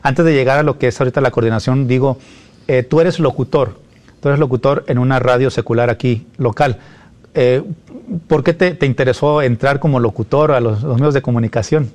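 A man's voice: mid-range voice, a little fast, darkish tone. A man interviewing a guest in a friendly, chatty way, asking about faith and career. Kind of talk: conversational interview.

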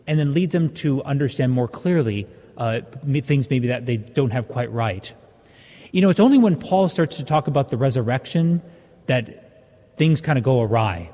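A man's voice: medium pitch, warm tone. A man, a priest, reading the gospel and then preaching a plainspoken, conversational homily in a large church, his voice trailing off into a long cathedral echo. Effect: long church reverb, like a cathedral echo.

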